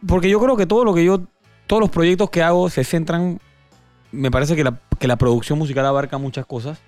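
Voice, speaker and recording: A man, a music producer speaking as a guest in a casual interview, often halting and repeating words as he thinks. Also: fairly high pitch, darkish tone, no room sound.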